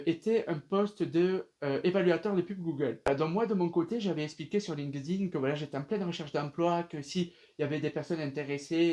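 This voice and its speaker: A man's voice: fairly high pitch, a little mellow. A young man casually telling a personal story to viewers, rambling with many fillers and restarts. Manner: addresses viewers directly.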